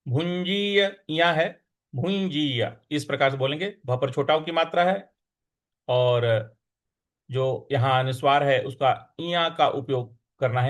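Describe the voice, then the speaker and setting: A man teaching verse pronunciation, breaking words into syllables and chanting the lines in a sung tone. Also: a little high. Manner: slow, syllable-by-syllable pronunciation drills. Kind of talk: Sanskrit recitation lesson.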